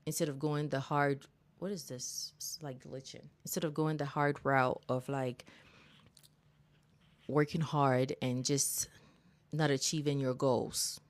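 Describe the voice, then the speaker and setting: Low-voiced woman hosting a motivational stream. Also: little pitch movement, a little slow. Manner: earnest, motivational, casually swearing. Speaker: livestream host. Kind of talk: casual self-help commentary.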